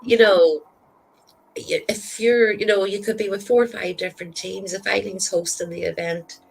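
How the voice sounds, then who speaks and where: A woman's voice: medium pitch, steady tone, normal speed, vocal fry, a little hiss or hum, rough recording. A woman who is a guest on a casual video-call chat, talking in a chatty, rambling way with plenty of "you know" and small laughs. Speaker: guest, paranormal investigator. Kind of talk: casual live-stream chat.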